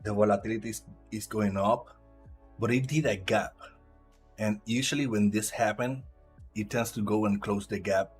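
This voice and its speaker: A man from Puerto Rico with a Puerto Rican Spanish accent and Spanish as his first language, giving halting live trading commentary while he reads the chart aloud. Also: lowish voice, fairly even intonation, soft background music. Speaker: live trader.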